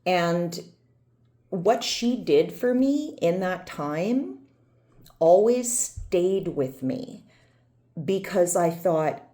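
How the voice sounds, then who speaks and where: A woman's voice: on the low side, animated, extremely slow, dark tone. A woman in her forties telling a personal story in a meandering, chatty way, often correcting herself. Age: 40s. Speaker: vlogger. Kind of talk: casual storytelling.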